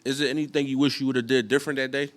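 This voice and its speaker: Quick laid-back male host. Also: mid-range voice, level tone. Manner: laid-back, short affirmations. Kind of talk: casual interview questions.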